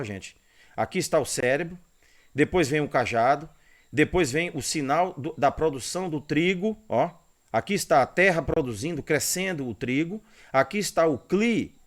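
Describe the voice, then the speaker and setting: A man teaching an online esoteric course, explaining slides and often checking in with his listeners. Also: mid-range voice. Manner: didactic, pointing at slides, frequent "né?" and "ó".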